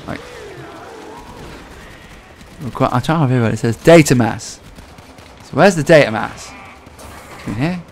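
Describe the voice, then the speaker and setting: A man's voice: mid-range voice, animated, a little slow, creaky, long pauses, soft background music. A man streaming a game, chatting casually and reacting aloud to his teammates. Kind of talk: casual gameplay commentary.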